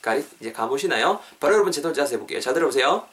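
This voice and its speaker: Man, podcast English teacher, slow repeated example phrases, quick explanations, mid pitch. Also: expressive, fairly bright tone.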